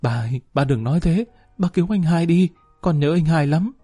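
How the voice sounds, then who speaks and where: A man's voice: medium pitch, expressive, fast talker, darkish tone, soft background music, lightly acted. A man voicing a young daughter who pleads anxiously, in a raised voice. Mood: tearful pleading. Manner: trembling, pleading.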